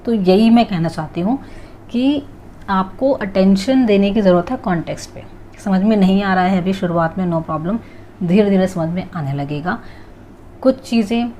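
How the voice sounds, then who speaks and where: A woman's voice: fairly low pitch, mellow, a little hiss or hum. A woman giving a casual spoken English lesson, explaining patiently and often checking in with "alright" and "okay", mixing English phrases into her talk. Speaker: English teacher.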